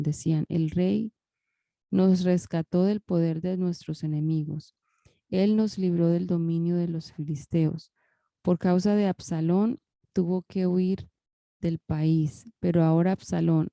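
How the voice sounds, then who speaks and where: A woman reading a Bible passage aloud, careful and measured, sometimes restarting a word. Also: on the low side, creaky, warm tone, no echo. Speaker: scripture reader.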